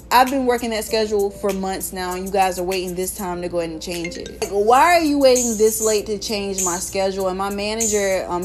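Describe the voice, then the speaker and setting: A young American woman hosting her own podcast, talking casually and candidly with lots of slang and swearing while telling stories. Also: medium pitch. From United States. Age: young adult. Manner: candid, profane, animated storytelling with slang. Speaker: podcast host. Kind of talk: casual solo podcast chat.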